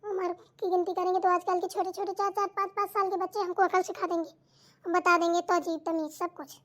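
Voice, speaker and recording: An educated young daughter-in-law lectures and needles in a very high voice, as a woman voices her. She nags about chores and defends herself when blamed. This is a cartoon household drama. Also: little pitch movement, a little fast, fairly bright tone. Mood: preachy. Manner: nagging, preachy, defensive. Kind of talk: cartoon voice acting.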